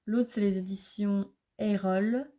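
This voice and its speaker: A gardening vlogger with a Belgian French accent chats casually about her garden and bulbs, full of fillers and restarts, recorded outdoors. Her mid-range voice is mellow, with fairly even intonation and an unhurried pace, and there's no room sound.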